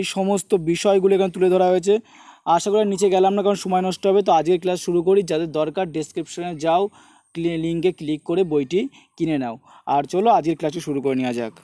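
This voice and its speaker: Male exam tutor, West Bengal Bengali accent, high, soft-toned voice, slows down to drill each word split. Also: dry recording. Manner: repetitive coaching, keeps saying look and notice. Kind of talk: online lesson with screen walkthrough.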